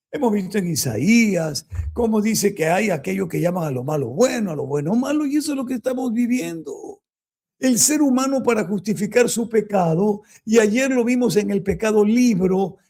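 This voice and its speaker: A man's voice: high voice, a little mellow, breathy edge. A man preaching a Bible teaching, emphatic and full of rhetorical questions to his listeners. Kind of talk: sermon-style Bible teaching.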